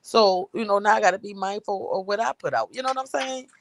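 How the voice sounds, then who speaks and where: A woman's voice: mid-range voice, fast talker, slight background noise. A woman in her forties, chatting casually on a live stream, rambling and repeating herself with frequent laughs. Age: 40s. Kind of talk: casual chat.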